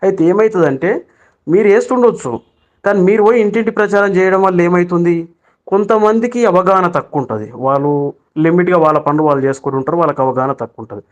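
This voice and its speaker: Man, Telangana Telugu accent, fairly high voice, urgent preachy voice message, lo-fi phone note. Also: fast. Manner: urgent and preachy, with frequent restarts. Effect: recorded voice message sent to a chat group. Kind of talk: persuasive political voice message.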